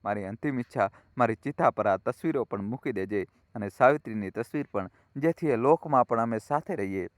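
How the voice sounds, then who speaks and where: A man's voice: medium pitch, animated, a little fast, few pauses, no room sound, clean studio sound, lightly acted. A man voicing a heartbroken old father of seventy-five who speaks with tender reproach as he nears death. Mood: tender farewell.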